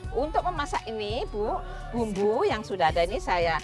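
Woman cooking-show host, outdoors, lapel mic, lively pitch, music playing behind. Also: moderate pace. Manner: chatty, instructive, keeps addressing the audience as "Bu". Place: outdoor street cooking stage.

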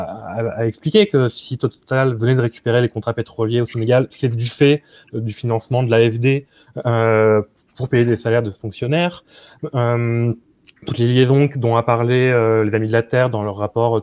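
A young man hosts a video call from a small room, heard through a computer mic with a dry, close sound. He speaks hesitantly and searches for his words, filling his sentences with pauses. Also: mid-range voice, a little mellow, no echo. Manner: hesitant, many fillers. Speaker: host and moderator.

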